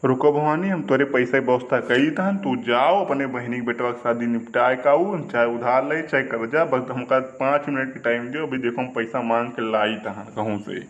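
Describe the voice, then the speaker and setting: Pleading man in a comedy sketch, mid-pitched voice, lo-fi sound. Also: normal speed, few pauses. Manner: pleading, wheedling, excitable. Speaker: comic village election candidate. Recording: lo-fi recording.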